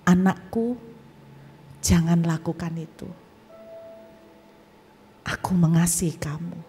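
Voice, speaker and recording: A calm, tender divine male voice, low and hushed, spoken slowly with gentle authority, as a woman preacher puts it on. The sound rings in a large church hall with a long reverb tail. The tone stays soft and reassuring throughout. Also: slight background noise.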